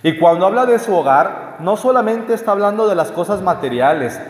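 A man's voice: high voice, animated, fairly quick. A man, a priest, giving a conversational homily and asking his listeners rhetorical questions. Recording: echoey hall reverb.

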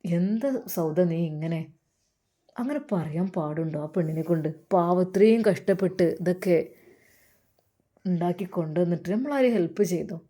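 A woman voicing a grown son who gently scolds his sister. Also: fairly low pitch, normal speed, pitched below the performer's own voice, close to an everyday voice. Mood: reproachful.

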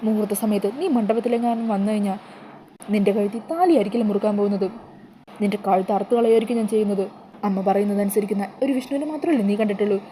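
A taunting young groom with a menacing edge, as a woman reads his part. The voice is dark and mellow, and it rushes along quickly. Faint noise hangs in the background. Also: medium pitch, close to an everyday voice. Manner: threatening, taunting.

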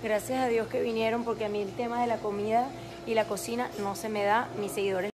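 A woman with a slightly high, steady, brisk voice chats casually in an Instagram story, gushing and promotional as she shows followers her store event. She holds the phone herself at the busy indoor event, with a chattering crowd audible behind her.

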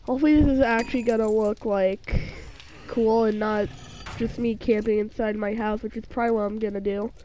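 Her slightly high, warm voice holds a steady tone at a somewhat fast pace as she, a gaming channel host, chats casually over her survival game. She is sick and her voice sounds off, so she rambles with many fillers and restarts. The rough recording has slight background noise.

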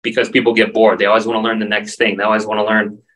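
A lowish, fairly bright voice races along in a monotone as a forties-aged martial arts instructor earnestly explains his training and lists terms steadily. He's a guest on a video call interview, standing back from the camera in a dim indoor room, and the audio sounds distant.

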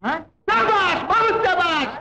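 An actor playing a loud, flattering male auctioneer who calls out bids and urges buyers on, in old film dialogue. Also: very high-pitched, a little slow, roomy sound, heavy background noise, full character voice. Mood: hawking.

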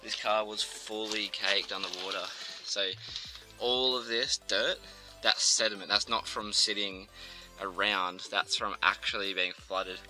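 A man's voice: fairly low pitch, steady tone, measured pace, sharp tone, faint music behind, rough recording. A young man in his twenties hosting a car vlog outdoors, talking casually with slang and the odd swear. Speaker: car channel host. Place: outdoors in a gravel yard.

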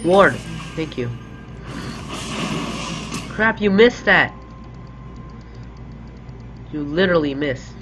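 A man's voice: on the high side, lively intonation, extremely slow, long pauses, over music, poor audio. A young man with a sore throat giving casual commentary as he plays a video game.

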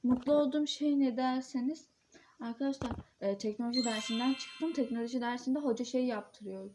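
A woman's voice: a little high, brisk, background noise. A teenage girl vlogging in casual chat, ranting and complaining about school. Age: teens. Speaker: vlogger, student.

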